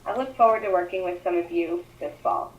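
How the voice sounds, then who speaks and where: A woman student introducing herself as a career mentor in a smooth, scripted delivery. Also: on the low side, a little fast, highs cut off. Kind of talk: read self-introduction.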